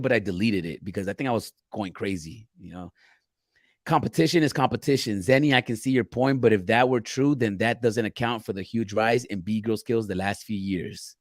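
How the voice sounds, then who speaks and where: A man's voice: fairly low pitch, no room sound, clean studio sound. A man co-hosting a casual live-stream chat, talking loosely and bluntly with plenty of cursing and reading viewer questions aloud. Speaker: podcast co-host.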